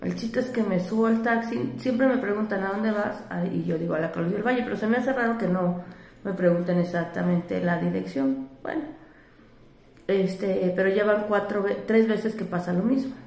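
A woman's voice: mid-range voice, moderate pace, darkish tone, echoey room. A woman with a Mexican accent, shaken and upset, telling a rambling story to her vlog viewers while doing her makeup, with lots of "este" fillers. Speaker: vlogger.

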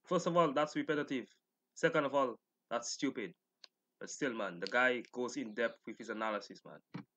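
A man's voice: mid-range voice, moderate pace, fairly bright tone. Young man, casual slangy commentary. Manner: slangy, mocking, incredulous. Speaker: YouTube host reading and reacting to comments.

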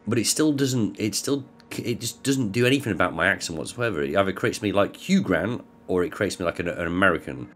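A man's voice: low voice, lively intonation, brisk, fairly bright tone, faint music behind. A man from the north of England, chatting casually to camera with rambling, self-correcting restarts. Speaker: video creator.

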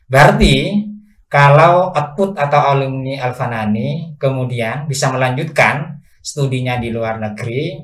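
A man's voice: medium pitch, a little slow, a bit bright, echoey room. A man hosting a podcast interview, politely restating his guest's points with many fillers. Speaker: podcast host. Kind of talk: casual interview.

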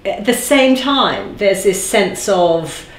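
A woman in her forties, a guest in an interview, speaking thoughtfully and slowing down to stress key phrases. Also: medium pitch, expressive. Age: 40s. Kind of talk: reflective conversational interview. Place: bright living room, seated on a sofa. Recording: roomy echo.

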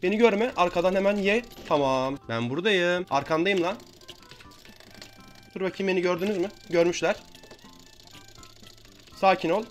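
Young male gaming YouTuber, high voice, chatty play-by-play over faint background music. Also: moderate pace, long pauses. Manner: chatty, teasing opponents, addressing viewers directly. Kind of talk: casual live gameplay commentary. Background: keyboard and mouse clicks.

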